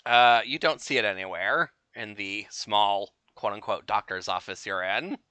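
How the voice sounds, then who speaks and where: Casting: laid-back game master, man, slow delivery, bright voice, dry sound. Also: on the low side, clean tone, no echo. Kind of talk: narrating a tabletop game.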